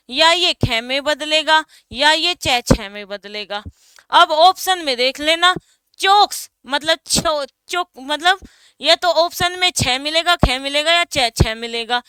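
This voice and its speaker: A young woman with a high voice teaches an exam coaching lesson. She reads word pairs out one by one and leans hard on the items that matter most. She speaks slowly and evenly. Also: bright, forceful tone, no echo. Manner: drills word pairs, stresses key items.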